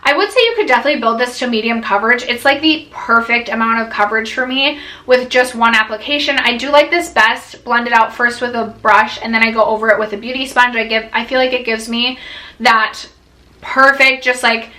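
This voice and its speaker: A woman's voice: on the high side, a little fast, sharp tone. A young woman vlogger chatting casually through a product review, gushing, with lots of "like" fillers. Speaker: beauty vlogger.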